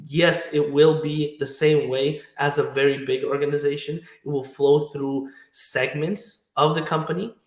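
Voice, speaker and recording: A man's voice: a little high, steady tone, a little slow, few pauses. A man born in Ukraine, a trucking company owner, talking earnestly as a podcast guest in loose, restarting sentences. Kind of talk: casual interview talk. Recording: roomy echo.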